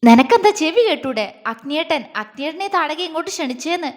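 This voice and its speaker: A woman voicing a curious, hot-tempered young woman who asks questions and flares up. Her voice is high. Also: expressive, fairly bright tone, in a large hall. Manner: questioning, quick to anger.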